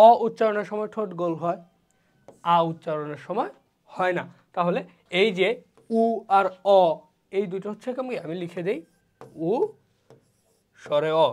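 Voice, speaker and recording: A teacher walks through an online class lecture step by step. The speaker asks questions and answers them, and sounds out each vowel slowly as an example. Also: medium pitch.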